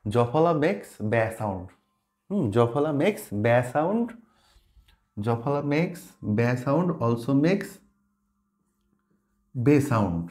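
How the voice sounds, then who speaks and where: Male teacher, warm dark tone, patient, repeats each word slowly for students. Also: on the high side, big pitch swings. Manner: mixes in English words while explaining. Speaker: language teacher. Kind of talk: spoken pronunciation lesson.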